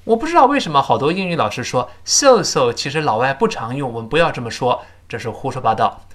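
Male language teacher with a lively, swooping delivery who reads model phrases slowly for listeners to repeat. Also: medium pitch. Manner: explains, then reads English phrases slowly for repetition. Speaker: English teacher. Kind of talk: recorded language lesson.

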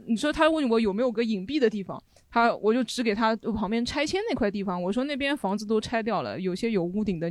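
Brisk, wry woman telling a story. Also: on the high side, no echo, clean studio sound. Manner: wry, deadpan quips. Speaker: podcast co-host. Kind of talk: casual storytelling chat.

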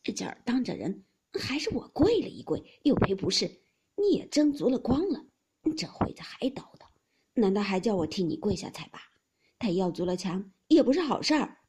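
A woman voicing a young nobleman husband who talks in an apologetic, placating way, with a breathy voice. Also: mid-range voice, expressive, brisk, a little mellow. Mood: exasperated.

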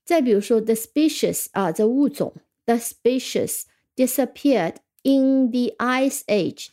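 A woman teaching English vocabulary in a radio lesson, reading example sentences slowly and then explaining them in a relaxed, chatty way. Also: on the high side. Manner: ends phrases with the filler "啊".

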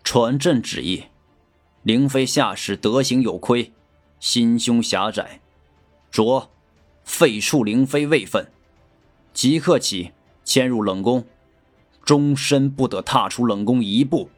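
An actor voicing a cold, embittered emperor who gives stern commands. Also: male voice, medium pitch, slow, long pauses, breathy edge, faint music behind. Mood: decreeing.

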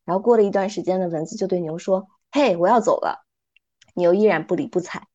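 A middle-aged woman speaking calmly and thoughtfully as a podcast guest, retelling little stories as she reflects. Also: on the low side, quick pace, highs cut off. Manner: calm, thoughtful, retells stories with light acting. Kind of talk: reflective casual chat with storytelling.

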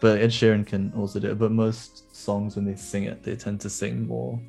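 A man talks casually on a podcast, quick to laugh and leaning on "like". His voice sits low and rough with fry. Faint music plays underneath. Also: little pitch movement, mellow. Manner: chatty, fills speech with "like", laughs easily. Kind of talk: casual chat.

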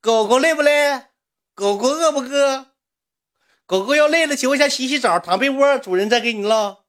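A man voicing a possessive online patron who coos in falsetto baby talk. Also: moderate pace, fairly bright tone. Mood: cooing.

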